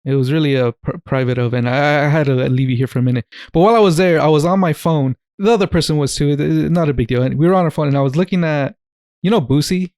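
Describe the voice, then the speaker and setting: A man's voice: fairly high pitch, quick pace, darkish tone, smooth, dry recording, clean studio sound. Laughing, swearing podcast guy. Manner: laughs often, jokey, swears freely. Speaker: podcast co-host. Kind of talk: casual chat.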